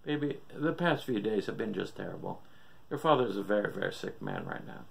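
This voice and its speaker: A man voicing a gentle wife who comforts and reassures, in a horror story reading. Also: mid-range voice, huge pitch swings, quick pace, creaky, heavily acted. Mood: soothing. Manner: tender, reassuring. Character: gentle, soothing wife comforting her husband.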